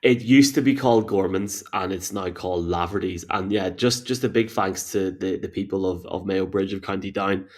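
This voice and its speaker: A man's voice: low-pitched, moderate pace, hardly any pauses, a little mellow. An Irish man hosting a sports podcast in casual, conversational style. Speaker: podcast host.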